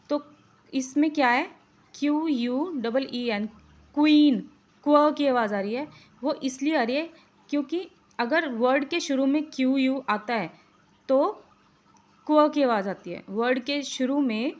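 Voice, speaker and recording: A woman gives a slow English phonics lesson, speaking in a fairly high voice. She repeats letters and example words again and again, with frequent fillers. The recording sounds dull and lo-fi. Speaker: English teacher. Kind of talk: spoken English lesson in Hindi.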